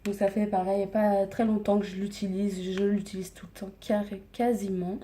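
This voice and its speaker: A woman's voice: medium pitch, flat delivery, normal speed, a little hiss or hum. A woman talking casually through her morning makeup routine on camera, hesitant and full of fillers, sometimes dropping to a whisper, filmed with her phone. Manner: hesitant, many fillers, slips into soft whispers. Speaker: makeup vlogger. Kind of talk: casual makeup tutorial chat.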